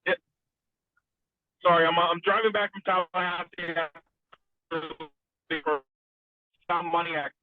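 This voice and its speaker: A man calling in on speakerphone while driving, asking halting questions with restarts over a phone line. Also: high-pitched, fairly even intonation, dry recording. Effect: phone call from a moving car on speakerphone. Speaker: panel participant calling in. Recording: tinny dry phone line.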